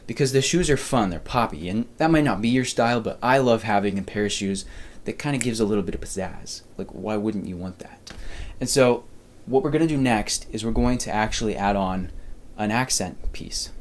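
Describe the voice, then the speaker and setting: A man's voice: fairly low pitch, a little hiss or hum. A male podcast host giving casual, chatty style advice, talking straight to the viewer with upbeat, self-deprecating asides.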